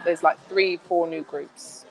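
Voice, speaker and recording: A woman's voice: fairly low pitch, fairly even intonation, slow pace, slight background noise, low-quality recording. A woman speaking as a guest in a casual interview, chatty, with many restarts and fillers.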